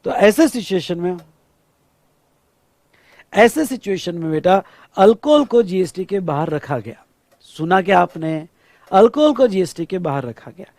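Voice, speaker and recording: Animated high-voiced tax lecturer. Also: male voice, no room sound. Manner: animated, acts out officials' dialogue; stretches words slowly for emphasis. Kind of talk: classroom lecture.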